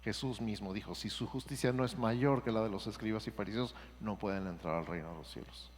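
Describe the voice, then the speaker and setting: A man's voice: on the low side, a little fast, a little hiss or hum. Earnest pastor man, church hall echo. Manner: earnest, leads a repeat-after-me prayer. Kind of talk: sermon. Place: church sanctuary. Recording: church hall reverb with music underneath.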